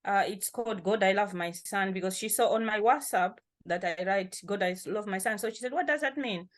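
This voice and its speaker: A woman's voice: medium pitch, a little fast. A woman from Malawi, a poet and activist, speaking as an interview guest. She talks casually, laughs often and repeats words while she gathers her thoughts.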